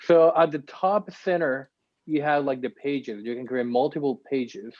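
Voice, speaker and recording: In an unhurried, medium-pitched voice, a workshop presenter guides viewers through a screen-share tutorial, pausing often with "um." He is heard over a video call through a computer mic, and the sound is dull and dry without echo.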